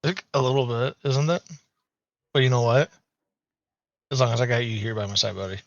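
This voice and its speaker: A man voicing an adult male adventurer who talks gently and fondly to his pet. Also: medium pitch, a little fast, no echo, natural voice. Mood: wry. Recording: dull, muffled audio.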